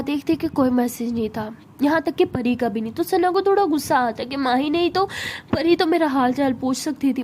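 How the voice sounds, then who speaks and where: A woman's voice: sits high, darkish tone, a little hiss or hum. A woman telling a love story in a casual, chatty way. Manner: conversational, chatty.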